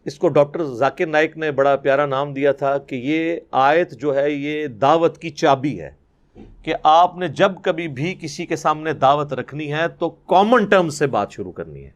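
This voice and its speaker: A middle-aged man with a Pakistani accent teaching a Quran class, chanting Arabic verses slowly and then explaining them briskly. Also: fairly high pitch, lo-fi sound. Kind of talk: religious lecture.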